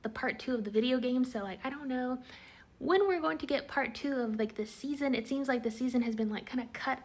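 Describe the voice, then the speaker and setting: A woman recapping a TV episode in a casual, chatty way, full of "like" fillers and quick quoted lines. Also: high-pitched, a little mellow. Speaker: TV recap vlogger.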